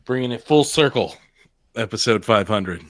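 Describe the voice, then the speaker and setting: A man's voice: mid-range voice, expressive, normal speed, a bit bright, no room sound, clean studio sound. A man co-hosting a podcast in casual chat, laid-back with short replies. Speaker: podcast co-host.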